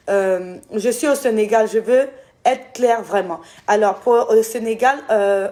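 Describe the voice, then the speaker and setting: A skincare brand owner, a woman with an Ivorian French accent, answers viewers in a casual live Q&A. Her mid-range voice is a little mellow. She talks to her audience with affection and often loses her thread and corrects herself.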